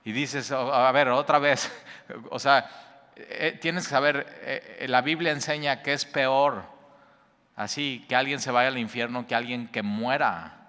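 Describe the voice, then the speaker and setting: A man with a Mexican accent preaching a conversational sermon, casual and animated, acting out quoted reactions in colloquial asides. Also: mid-range voice, measured pace, big-room sound. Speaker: pastor.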